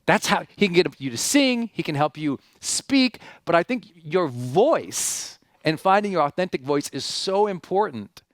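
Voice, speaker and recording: Sing-song and rather high, the man's voice flows unhurriedly with few pauses in a dry recording. As seminar host and motivational speaker, he tells emphatic stories, repeats phrases, asks rhetorical questions, and introduces a guest.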